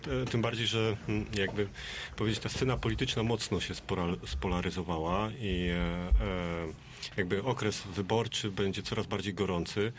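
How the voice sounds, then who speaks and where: A man speaking as a guest on a political panel, halting, with heavy filler sounds between phrases. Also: fairly low pitch, steady tone, a little hiss or hum.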